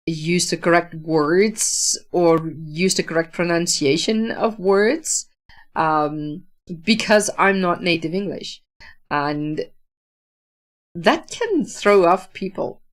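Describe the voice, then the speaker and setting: A Dutch woman from the Netherlands, an author, casually hosts a livestream and answers viewer comments thoughtfully, with plenty of fillers and restarts. She speaks slowly in a lowish voice with a Dutch accent.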